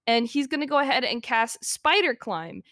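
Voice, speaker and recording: A woman's voice: a little high, big pitch swings, moderate pace, a bit bright, dry recording, studio quality. A woman playing a tabletop game, jokey and brash. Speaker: player.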